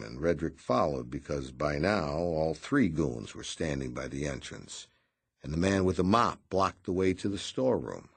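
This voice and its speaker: A man narrating an audiobook novel with a husky voice and a tense, dramatic reading. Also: a bass voice. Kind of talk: scripted narration.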